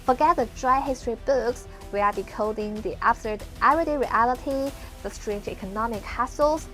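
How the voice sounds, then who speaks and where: A woman from mainland China with a mainland Chinese accent, narrating a travel vlog with lively storytelling. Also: on the high side, brisk, soft background music. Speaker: travel vlogger.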